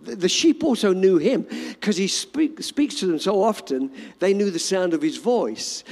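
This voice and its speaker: A male pastor preaching a sermon, moving from loud urgent emphasis to hushed storytelling. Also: sits high. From Australia. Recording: long hall reverb.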